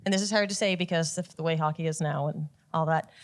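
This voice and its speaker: A woman's voice: low-pitched, steady tone, quick pace. A woman with a Nova Scotian accent speaking on a panel in a museum, candid and self-deprecating. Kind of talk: casual panel talk.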